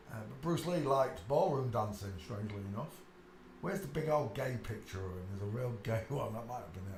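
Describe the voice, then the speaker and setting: A man with a voice on the low side talks over a noisy background in an echoey room with faint ambience. He's hosting his channel, going through pictures in an insistent, casual, rambling monologue packed with asides and "uh"s.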